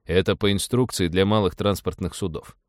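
Мужчина, читающий реплики спокойного немногословного молодого пилота корабля, говорит ровно и бесстрастно. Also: male voice, deep voice, brisk, no echo, studio quality, lightly acted. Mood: calm. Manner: flat, terse, unemotional. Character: calm laconic young male ship pilot.

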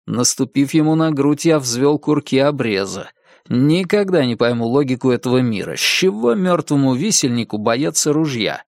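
A man reading a dark first-person story as an audiobook narrator, in a measured storytelling manner. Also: mid-range voice, animated, dry recording.

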